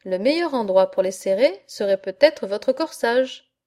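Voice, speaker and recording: A bold young country lad from a storybook, teasing and easygoing, as a woman reader voices him. The delivery is slow and mellow, barely lowered from her own fairly high voice. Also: animated.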